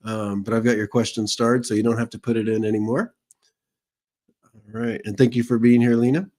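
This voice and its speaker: A man's voice: mid-range voice, fairly even intonation, brisk, a little mellow. A man who is a psychic medium hosts a casual live stream, chatting with viewers in a rambling way and greeting them by name. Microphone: streaming microphone.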